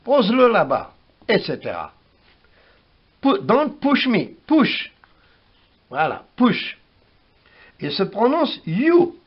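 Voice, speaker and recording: A man giving a spoken language lesson, slowly repeating words to show how they are pronounced, on a dull lo-fi recording. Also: high voice, huge pitch swings, husky. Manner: slow, repeats words for pronunciation. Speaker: language teacher.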